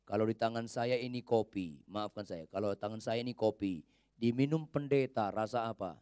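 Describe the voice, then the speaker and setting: A man preaching a sermon from a church pulpit, swinging between loud, high exhortation and quiet asides while quizzing his congregation. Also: clean tone, no room sound, studio quality. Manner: asks the congregation quick check questions. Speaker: pastor.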